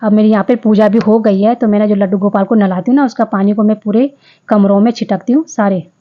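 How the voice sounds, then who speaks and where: A woman's voice: medium pitch, steady tone, fast, muffled recording. A woman in her fifties narrating her home vlog in a chatty, homely way, speaking straight to her viewers. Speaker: vlogger. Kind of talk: casual vlog voice-over narration.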